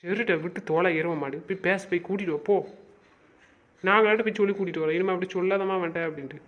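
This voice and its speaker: A man's voice: sits high, fast talker, natural voice. A man playing a pushy, nagging young friend. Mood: urging. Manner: coaxing, nagging. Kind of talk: amateur web drama acting. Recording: dull lo-fi recording.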